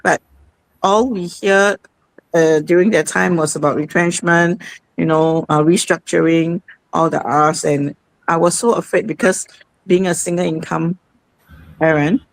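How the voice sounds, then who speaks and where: A woman's voice: fairly low pitch, vocal fry, no echo, poor audio. A woman, hosting an online sharing session in a rambling, conversational way. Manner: conversational, rambling with many fillers. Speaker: host.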